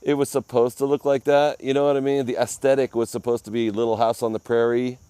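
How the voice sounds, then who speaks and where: A man casually livestreams outdoors at a garden cafe on his phone with an ear-worn mic, rambling and greeting viewers by name. He talks fast in a mid-range, level voice that is warm, clear and resonant, and the recording is dry.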